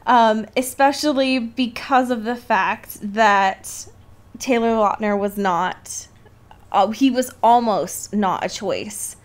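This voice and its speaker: Speaking slowly in a voice on the high side, a woman co-hosts a podcast of casual film discussion. She explains things in informal chat, swearing now and then.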